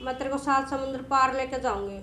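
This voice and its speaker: A woman's voice: high voice, a little fast, sharp tone, reverberant, a little hiss or hum. A woman voicing a grateful, kindly mother garuda bird who offers to help.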